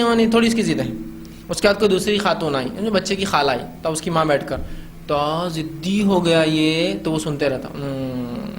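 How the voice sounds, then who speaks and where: High-voiced man giving parenting advice. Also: a bit bright, slight background noise. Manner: conversational, asks "ٹھیک؟" and "ہے نا؟" often; acts out parents' quoted lines. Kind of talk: informal advice talk.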